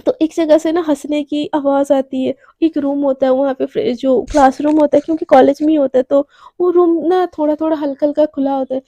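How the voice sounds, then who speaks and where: A woman telling a story in a casual, animated way, often restarting her words. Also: high voice, brisk, no echo.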